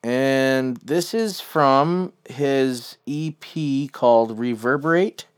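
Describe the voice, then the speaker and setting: Slow, clear-voiced western Canadian man. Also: mid-range voice. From Chilliwack, British Columbia, Canada. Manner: rambling, halting, trailing off. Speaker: music show host, musician. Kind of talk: casual music show commentary.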